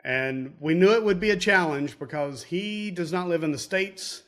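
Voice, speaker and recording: A man's voice: a little high, lively intonation, normal speed, a bit bright. A man hosting a casual interview, chatty and poking fun at himself. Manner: chatty and self-deprecating. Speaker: host.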